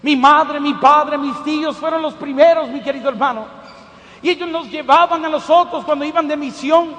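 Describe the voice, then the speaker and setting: A man's voice: very high-pitched, moderate pace, a bit bright. A male preacher giving an impassioned sermon testimony, repeatedly addressing listeners as his dear brothers. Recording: long hall reverb, faint noise.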